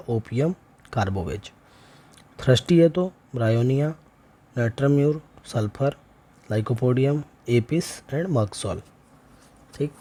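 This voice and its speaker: A man's voice: mid-range voice, mellow. A man teaching homeopathy, going through a chart and listing remedy names one after another with frequent check-ins. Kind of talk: lecture walking through a chart.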